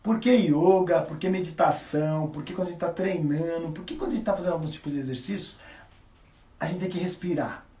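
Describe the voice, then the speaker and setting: Man, high voice, lively live talk, roomy echo, a bit far from the mic. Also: fairly quick. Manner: animated, laughs often, addresses viewers directly. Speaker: self-improvement speaker. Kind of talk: casual live-stream talk. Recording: echoey room, voice a bit off-mic.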